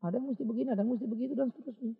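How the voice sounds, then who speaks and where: A man preaching a sermon in a strikingly high voice with a gravelly edge. He talks like he is chatting with his listeners, throws out rhetorical questions and scolds them firmly. The sound is dull and lo-fi. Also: very fast, in a large hall. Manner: conversational preaching with rhetorical questions and teasing asides; emphatic, scolding exhortations. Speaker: pastor.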